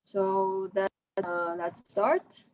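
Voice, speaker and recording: A woman presenter speaking quiet, slow prompts in an online session. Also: mid-range voice, fairly even intonation, dry recording, lo-fi sound.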